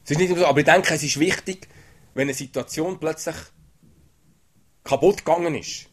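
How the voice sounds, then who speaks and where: A man preaching a sermon in an animated way, often checking in with "oder?". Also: a little high, fairly quick.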